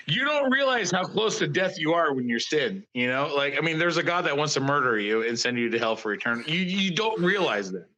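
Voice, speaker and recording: A man's voice: on the high side, brisk, few pauses, a little hiss or hum. A man, a guest artist on a podcast, talking in a loose, profane, rambling way and acting out stories. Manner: profane, rambling, animated storytelling. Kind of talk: casual interview chat.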